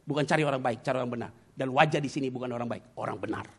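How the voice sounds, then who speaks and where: A man's voice: medium pitch, very fast, husky. Middle-aged man preaching with dramatic bursts. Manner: dramatic personal storytelling with sudden loud bursts; mixes in English words. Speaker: pastor. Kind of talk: sermon.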